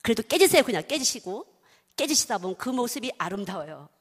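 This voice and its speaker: A middle-aged woman preaching with great emphasis, her voice leaping across a wide range. She drops to hushed whispers, then rises to ringing calls. Her voice rings out in a long-reverb hall. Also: fairly high pitch, sing-song, a little fast. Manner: emphatic, swings from loud exclamations to hushed whispers. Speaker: children's missionary preaching. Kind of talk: sermon.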